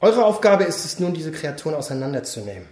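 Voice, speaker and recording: A man's voice: fairly high pitch, very animated, quick pace, a little mellow. A man voicing a cruel male teddy-bear overseer of a work camp, giving mocking orders. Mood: cold commanding. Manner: commanding, mocking speech to workers. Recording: roomy echo.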